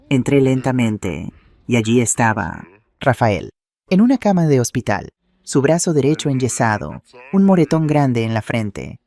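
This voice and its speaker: A man narrating a first-person family drama in a steady, dramatic storytelling manner. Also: medium pitch, dry recording.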